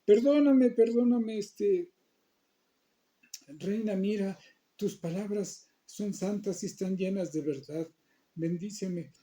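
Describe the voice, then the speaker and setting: A man's voice: high-pitched, slow pace, long pauses, mellow. A man acting a stern old head priest in a told story. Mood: pleading. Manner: stern, reproachful.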